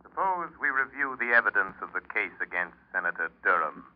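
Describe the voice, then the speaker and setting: Invisible vigilante for vintage radio mystery; deep, theatrical, sardonic menace, muffled old recording. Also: male voice, very animated, fairly quick. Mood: mocking, menacing. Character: the Shadow, unseen male avenger, calm, mocking, menacing. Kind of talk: 1940s radio mystery acting.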